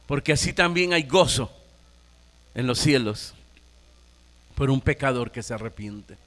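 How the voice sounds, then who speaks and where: A Nicaraguan pastor preaching a sermon, emphatic, firing rhetorical questions at the congregation. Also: male voice, mid-range voice, lively intonation, measured pace, fairly bright tone, long reverb tail.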